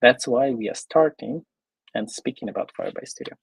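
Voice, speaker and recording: A man from Ukraine, presenting an online tech talk as a software developer, casual and full of fillers. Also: medium pitch, husky, dry recording, rough recording. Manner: casual, pausing often with fillers.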